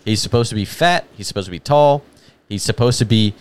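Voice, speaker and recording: A man co-hosting a casual podcast chat, loud and emphatic as he rants about what he dislikes. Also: on the low side, slow, smooth. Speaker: podcast co-host.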